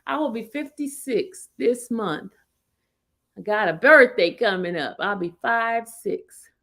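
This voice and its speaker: This livestream host, a woman in her fifties, speaks slowly in an expressive, slightly bright mid-range voice. She's chatty and casual, laughing frequently as she answers her live chat.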